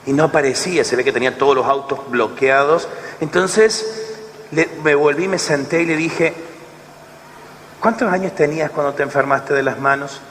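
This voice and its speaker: A man with an Argentine accent preaching, telling a story in an animated way and acting out both sides of a dialogue. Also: on the high side, moderate pace, slight background noise. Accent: Argentine Spanish. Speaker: lay preacher. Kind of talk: storytelling sermon. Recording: long hall reverb, faint ambience.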